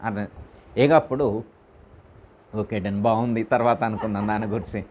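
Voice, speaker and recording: A man's voice: lowish voice, steady tone, moderate pace, a little mellow. A man as spiritual teacher giving a discourse in a private home, repeating his phrases and putting questions to his listeners.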